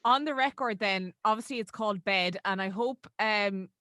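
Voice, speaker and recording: A woman's voice: mid-range voice, moderate pace, bright, forceful tone, no echo, studio quality. A woman hosting a radio interview, asking playful, teasing questions. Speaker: radio host. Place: radio studio.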